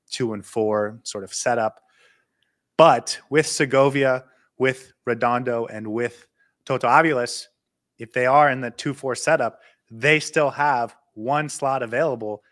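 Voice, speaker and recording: A man co-hosting a casual podcast, talking excitedly and quickly until he runs short of breath. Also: mid-range voice. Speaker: podcast co-host. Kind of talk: casual chat.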